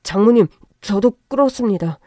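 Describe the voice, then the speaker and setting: A woman's voice: medium pitch, lively intonation, moderate pace, mellow, no echo, clean studio sound, natural voice. A woman voicing a smug, spineless young husband who pleads and boasts. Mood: pleading.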